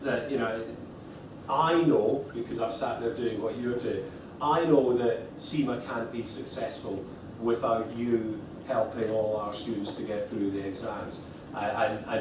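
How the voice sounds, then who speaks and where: A middle-aged Scottish man gives an informal talk at a lecturers' conference, hesitant and often stopping and restarting, with many fillers. His voice is medium-pitched, picked up from far off in an echoey conference room with background noise.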